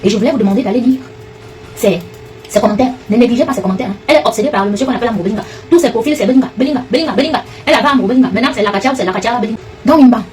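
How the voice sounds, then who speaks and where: Heated woman commentator, rapid delivery, slightly distant mic. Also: a little high, darkish tone, faint music behind. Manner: fast, confrontational, addresses a rival directly. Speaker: online commentator. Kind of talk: heated direct-to-camera rant.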